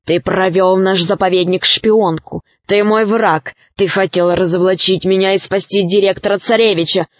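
A woman's voice: mid-range voice, fairly even intonation, no echo, lightly acted. A woman putting on a gloating villain. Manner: slow, menacing, gloating. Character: sinister gloating male villain.

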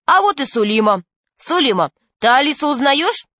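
A woman reading a storybook, voicing a boastful, excitable schoolboy who insists on his story. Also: high voice, moderate pace, no echo, pitched above the performer's own voice, full character voice. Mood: eager boasting. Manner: insistent, eager.

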